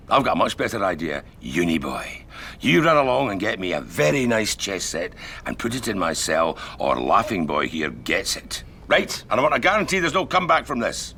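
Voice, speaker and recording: An actor with a Scottish accent playing a prisoner who holds a hostage, sing-song and mocking, swinging from jovial to threatening. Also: male voice, sits high. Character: charming, menacing male prisoner holding a hostage. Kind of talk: television sitcom acting.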